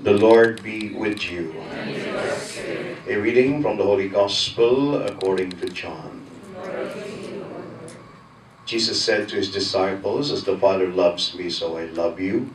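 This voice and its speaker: Male priest, Filipino accent, low-pitched, measured declaiming delivery, heard from afar in cathedral-like echo. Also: crowd noise. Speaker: priest, homilist. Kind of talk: liturgical reading and sermon. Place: large echoing church interior. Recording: cathedral-like echo, distant mic, faint noise.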